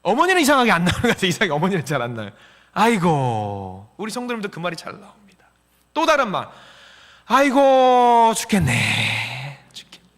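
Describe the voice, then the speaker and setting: A male pastor giving a Sunday sermon in a church, swinging between shouts and near-whispers and acting out the voices he quotes. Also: high voice, wildly swooping pitch, racing. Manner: acts out quoted voices and sighs. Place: church sanctuary. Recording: long church-hall reverb.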